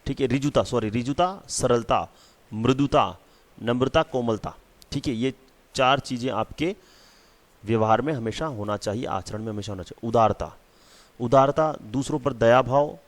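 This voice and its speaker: A man's voice: medium pitch, moderate pace. A man teaching a school lesson, repeating key words and checking in with "theek hai" often.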